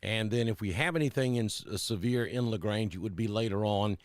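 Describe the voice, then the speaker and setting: A man's voice: on the low side, fairly quick, dry recording. A middle-aged man from Alabama, chatting casually on a live weather stream and greeting viewers by name. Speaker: weather broadcaster.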